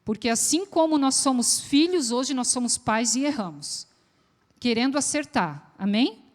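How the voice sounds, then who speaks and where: A woman psychologist with a southern Brazilian accent gives a lively church talk, often putting questions to the congregation. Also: high-pitched, a little slow. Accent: Brazilian Portuguese, southern. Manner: lively, asks the audience questions. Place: church hall. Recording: long echo of a large church hall.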